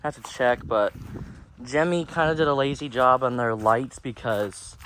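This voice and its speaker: A man's voice: medium pitch, normal speed, a bit bright, slight background noise, low-quality recording. A man hosting a casual review vlog outdoors, talking hesitantly with many ums and restarts. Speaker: inflatable reviewer. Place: outdoors in a yard.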